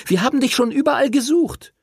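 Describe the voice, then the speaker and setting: A man's voice: very high voice, fairly quick, creaky, breathy edge, no echo, studio quality, voice pushed up, heavily acted. A man voicing a fiery, outspoken young schoolgirl who scolds her friends sharply. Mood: urgent.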